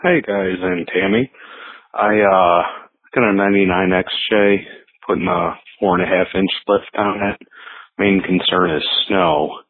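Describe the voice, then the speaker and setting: A man's voice: low voice, unhurried, dry recording. A man calling in and leaving an answering machine message with a casual question for a podcast. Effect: voicemail message over a phone line. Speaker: caller. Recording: tinny phone-line voicemail.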